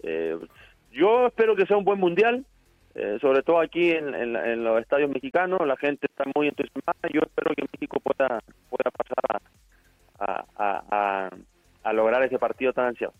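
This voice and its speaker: A man's voice: mid-range voice, animated, normal speed, dry recording, faint music behind. Man on a tinny phone line. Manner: hesitant, repeats words while searching. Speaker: football coach guest. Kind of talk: phone interview. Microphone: phone call.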